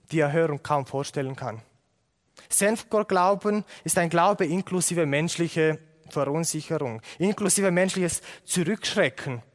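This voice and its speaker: A pastor delivers his sermon in a somewhat higher-than-usual male voice. He speaks earnestly, stacking up repeated phrases to drive each point home.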